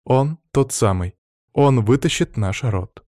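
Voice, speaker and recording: A man's voice: mid-range voice, animated, slow pace, warm tone, dry recording, clean studio sound. A man voicing a reproachful young woman. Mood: earnest. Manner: grumbling, reproachful.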